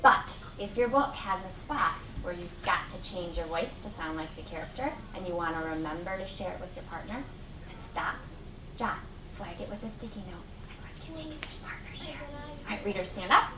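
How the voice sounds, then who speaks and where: A woman teaching a reading lesson to young children as a kindergarten teacher, giving simple, animated instructions with drawn-out emphasis. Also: lowish voice. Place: classroom. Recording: echoey classroom, distant mic, clear noise.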